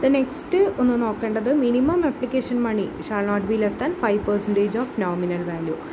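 A woman teaches commerce over slides, switching between two languages and pausing often on fillers. She reads the English definitions out slowly and deliberately. Her somewhat high voice comes through a dull, muffled recording with clear background noise.

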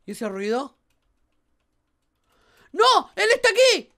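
An Argentine gaming YouTuber does let's play commentary in a very high-pitched, slow voice with an Argentine Spanish accent. She's excitable, often shrieking and laughing, though she has a sore throat.

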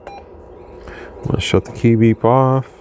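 Slow and medium-pitched, a radio reviewer's voice carries over slight background noise as he demonstrates a radio at his indoor workbench. He stays relaxed, wandering a little in his talk while adjusting the gear.

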